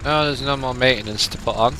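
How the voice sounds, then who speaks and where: Talking fast over a noisy background, a young man from northern England with a Lancashire accent streams a ride simulator game, rambling casually and reading chat aloud. His mid-range voice sounds slightly nasal from a cold.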